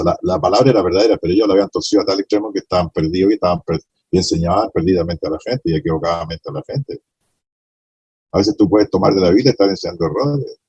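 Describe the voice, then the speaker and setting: A man's voice: deep voice, mellow, breathy edge, no room sound, muffled recording. A man preaching a sermon to a small congregation, passionately acting out the scene he tells. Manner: impassioned, acts out the blind man's pleas.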